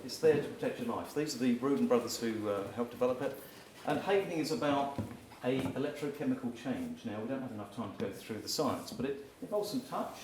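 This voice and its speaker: At an event venue with a live audience, a man gives a short, energetic talk, guiding the crowd through exercises and rising to loud calls at times. His medium-pitched delivery is brisk with few pauses. The mic sits far away in an echoey hall, with crowd noise audible.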